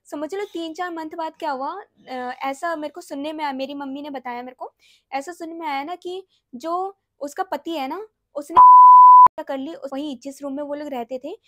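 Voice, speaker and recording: High-voiced chatty young woman storyteller. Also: normal speed, no echo, studio quality. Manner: chatty, drops to a hushed murmur when acting out quotes. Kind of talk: casual storytime vlog.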